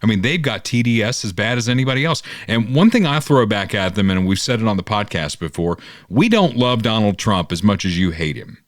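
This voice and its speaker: A man, hosting a political podcast and talking in a casual, animated way. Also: lowish voice, fairly quick, hardly any pauses, dry recording, studio quality. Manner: animated, mocking quoted critics. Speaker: podcast host.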